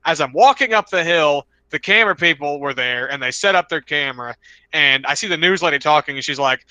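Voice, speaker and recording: A man's voice: fairly high pitch, lively intonation, fairly quick, pushed and bright, smooth, dry recording. A man co-hosting a podcast, telling a long rambling story in casual chat and often restarting his sentences. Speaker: podcast co-host.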